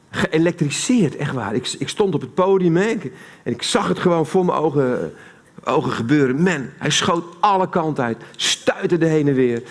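A man with a Dutch accent giving a live sermon in a church hall, talking conversationally and putting questions to the congregation. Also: on the high side. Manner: conversational, asks the audience questions. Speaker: preacher.

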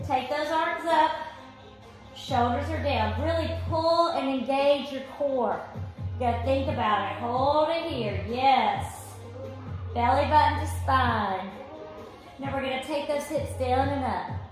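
High-pitched woman, encouraging aerobics instructor. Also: takes it slowly. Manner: encouraging aerobics-instructor cueing while exercising, with exclamations. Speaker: aerobics instructor leading a core workout. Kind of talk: live exercise class instruction with counting and cueing. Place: living room with hard wood floor, indoors. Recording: very echoey room, faint music behind.

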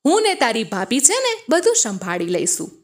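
Gentle caring mother, as a woman narrator voices her. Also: a little high, huge pitch swings, normal speed. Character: fond, caring middle-aged mother.

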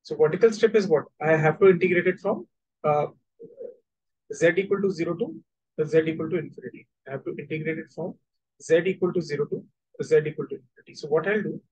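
High-voiced North Indian man teaching maths. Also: brisk, darkish tone, husky, dull audio. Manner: repetitive explaining, switching between languages, checking understanding. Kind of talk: online whiteboard lesson.

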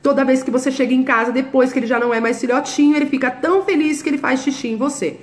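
A woman teaching as a dog trainer in a direct, instructive way, often pausing to check that her listeners follow. Her voice sits a little high for a woman. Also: steady tone. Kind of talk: educational talk to camera.

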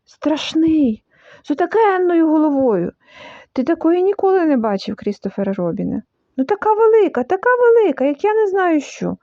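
A woman's voice: big pitch swings, moderate pace, dry recording. A woman voicing a small, timid piglet boy who shrieks in panic. The recording is dull and lo-fi. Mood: panicked. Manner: shrill panicky squealing.

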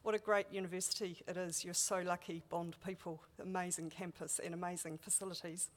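A woman's voice: on the low side, level tone, a little fast. A woman from New Zealand with a Kiwi accent, chairing a conference and welcoming the audience in a casual, filler-laden manner.

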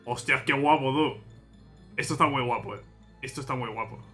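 A man with a Spanish accent from Spain commentating a video game he plays, chatting to himself and his viewers with bursts of excitement. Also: mid-range voice, brisk, faint music behind. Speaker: gaming channel host. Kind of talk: casual let's play commentary.

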